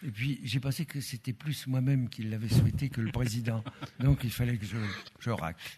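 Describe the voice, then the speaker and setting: A man on a film team with a husky voice, answering casually at a press conference. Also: mid-range voice, brisk, noisy background.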